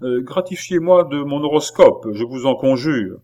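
A man's voice: mid-range voice, lively intonation, moderate pace, mellow, pitched above the performer's own voice, close to an everyday voice. A man voicing a courteous male governor, polite and urgent in an audiobook. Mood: eager.

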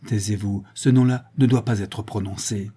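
A man voicing a fierce, protective young mother who speaks in a commanding, forceful way. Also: on the low side, fairly even intonation, moderate pace, breathy edge. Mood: fierce threat.

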